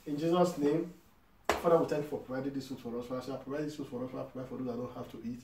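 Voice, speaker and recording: A man's voice: medium pitch, steady tone, racing. A man with a Nigerian accent hosting a casual mukbang vlog at home, telling stories dramatically and dropping pidgin phrases. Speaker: vlog host. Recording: roomy, distant phone mic, faint noise.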